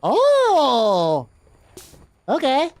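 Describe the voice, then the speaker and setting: A woman giving excitable, sweary live commentary as she streams a game. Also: sits high, very slow, slight background noise.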